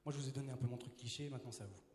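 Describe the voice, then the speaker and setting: Speaking at a racing pace in a darkish mid-range voice, a twenty-something youth preacher jokes his way through a casual sermon, posing questions to a live audience. He holds a handheld mic in a big hall, and the sound carries roomy reverb.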